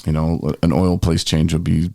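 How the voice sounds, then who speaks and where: A man's voice: rumbling low, little pitch movement, normal speed, gravelly, dark tone, no echo, clean studio sound. A man co-hosting a podcast in casual, rambling conversation. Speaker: podcast host. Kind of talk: casual chat.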